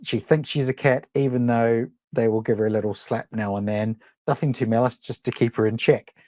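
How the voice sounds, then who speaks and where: Speaking fairly quickly with fairly even intonation, a middle-aged man with a New Zealand accent and a mid-range, slightly mellow voice runs a casual live photography webinar. The recording is dry, and his delivery rambles with plenty of ums and restarts.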